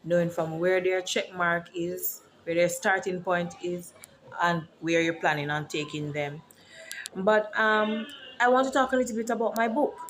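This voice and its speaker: A woman's voice: on the low side, little pitch movement, normal speed, a bit bright, a little hiss or hum. A woman from Jamaica with a Jamaican accent, a teacher and author talking casually to camera and explaining words like a lesson. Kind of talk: casual vlog.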